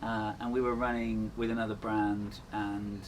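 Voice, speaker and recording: A man with a fairly low voice talks casually as a guest in an interview. His way of speaking is earnest and reflective. Clear ambient noise sits behind his voice. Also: flat delivery, normal speed. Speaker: endurance runner, interview guest. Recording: clearly noisy ambient background.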